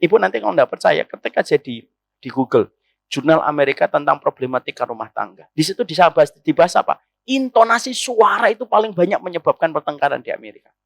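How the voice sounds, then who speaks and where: A man's voice: fairly high pitch, animated, fast talker, gravelly, dry recording. A man preaching a sermon to a women's study circle, addressing the listeners as ma'am and asking them rhetorical questions.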